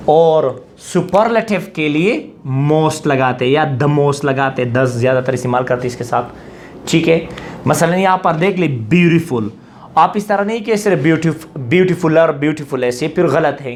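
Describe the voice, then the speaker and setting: Slow-talking male grammar teacher. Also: a little high, slight background noise. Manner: explains slowly, checking in with "ठीक है?" often. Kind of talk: classroom lecture.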